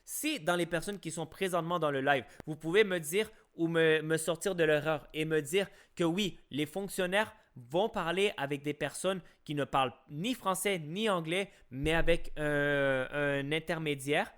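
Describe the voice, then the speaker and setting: A man with a Québécois French accent and a voice pitched a little high delivers a heated opinion monologue on a live stream. He presses his points with repeated rhetorical questions and often stops to restart his sentences. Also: normal speed, hardly any pauses, fairly bright tone, clear, resonant tone. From Quebec, Canada.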